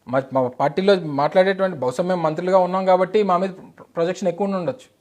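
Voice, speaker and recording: A man's voice: sits high, steady tone. A middle-aged man, a party spokesman, answering insistently in a heated political interview. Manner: emphatic, insistent, rapid Telugu-English mix.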